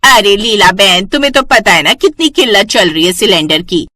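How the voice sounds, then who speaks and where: Gossipy neighbor lady, excitable and drawn-out, as a woman narrator puts her on. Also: mid-range voice, no echo. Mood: complaining.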